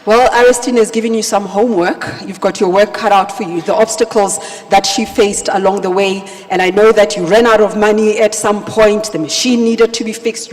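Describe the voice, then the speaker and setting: A woman moderates a live panel, speaking emphatically at a middle pitch. Her voice rings through a large hall with long reverb, as if over a PA. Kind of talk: live stage hosting and questioning. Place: large conference hall stage. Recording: echoey hall sound over PA.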